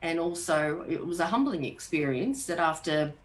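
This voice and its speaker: A middle-aged Australian woman speaking in a somewhat low voice. She answers interview questions in a calm, explanatory way, working through her points one by one with frequent "um"s. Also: poor audio. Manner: measured, explanatory, lists points with fillers. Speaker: HR manager, interview guest.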